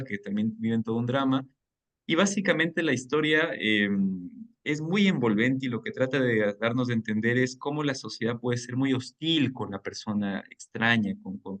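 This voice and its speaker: Over a video call, a man moderates a reading club in a casual online meeting, his voice at an ordinary middle pitch, a bit bright, and at normal speed. He's friendly and chatty, laughing lightly at times and explaining things at length.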